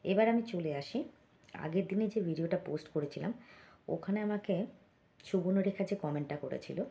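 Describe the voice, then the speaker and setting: Chatty woman with a low, mellow voice. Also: normal speed, creaky. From Bengal. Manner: chatty, reads comments aloud, frequent fillers and asides. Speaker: vlogger answering viewer comments. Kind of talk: casual chat to viewers.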